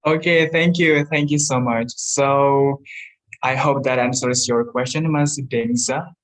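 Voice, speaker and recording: A man's voice: medium pitch, steady tone, measured pace, fairly bright tone, rough recording. A man moderating an online talk, polite as he thanks the speaker and passes on the next question. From Indonesia. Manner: polite, orderly.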